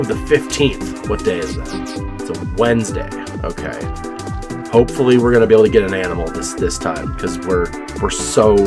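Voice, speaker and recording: A man hosting a let's play, chatting casually and haltingly with lots of fillers and restarts, offhand and a bit profane. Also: sits low. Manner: rambling and hesitant, many fillers and restarts. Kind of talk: casual gameplay commentary.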